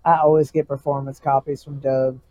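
A man's voice: mid-range voice, flat delivery, brisk, warm tone, muffled recording. A man in a casual chat, talking like a frat bro with loose slang and frequent swearing. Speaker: rapper, guest.

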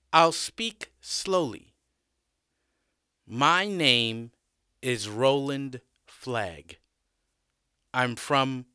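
A man voicing a patient, principled male teacher in a spoken story, earnest and clear. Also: medium pitch, bright, forceful tone, no echo, clean studio sound, exaggerated voice.

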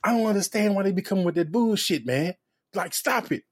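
Animated ranting man, close dry mic. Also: sits high, a little fast, husky, no echo. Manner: animated, profane, mocks others in exaggerated voices. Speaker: podcast co-host. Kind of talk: casual ranting chat.

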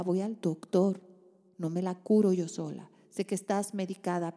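In a warm, lowish voice, a female relationship advice host reads listeners' letters aloud and answers them in a tender monologue full of soothing pet names. A long reverb tail follows her words.

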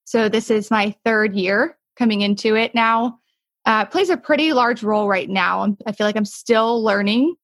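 A woman in her late twenties from the United States talks casually as a podcast guest. Her voice is somewhat high, and the recording is close and dry. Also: moderate pace, dry recording. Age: late 20s. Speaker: interview guest. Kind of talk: casual interview answers.

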